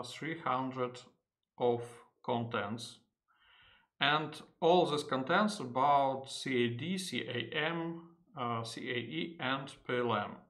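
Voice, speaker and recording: A man whose first language is Russian and who speaks with a Russian accent gives an unedited, screen-recorded software tutorial in English. His voice is mid-range, and he halts often, using fillers and correcting himself.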